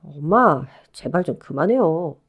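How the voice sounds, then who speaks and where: A gentle young husband, voiced by a man in a radio play. He speaks softly and warmly about his family. His tone is apologetic. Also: a little high, lively intonation, unhurried, slightly rough, exaggerated voice. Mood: friendly. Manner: soft, apologetic, fond. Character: gentle young husband, soft-spoken son.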